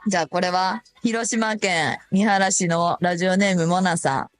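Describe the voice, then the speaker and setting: A young woman with an Osaka accent hosting a casual radio chat, reading listener mail and talking things through with relaxed, chatty fillers. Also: on the low side, moderate pace. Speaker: radio host. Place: radio studio.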